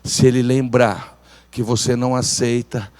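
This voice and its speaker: A Brazilian pastor preaching a lively sermon in church, urging the congregation to repeat phrases aloud. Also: male voice, mid-range voice, a little slow. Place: church sanctuary. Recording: church hall reverb.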